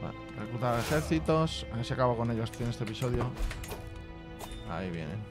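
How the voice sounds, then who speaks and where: Music plays behind a very animated man with a medium-pitched voice as he brings brisk, casual let's play commentary to a strategy game for his YouTube channel. He talks freely, curses plenty and voices the game's text aloud.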